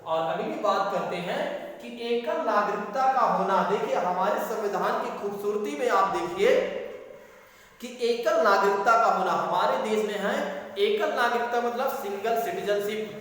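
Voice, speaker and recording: A man with a high voice gives an exam-prep lecture. He keeps turning his points into rhetorical questions and then answers them. He is heard from a distance in a very echoey room with a long reverb tail. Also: unhurried, fairly bright tone. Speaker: teacher.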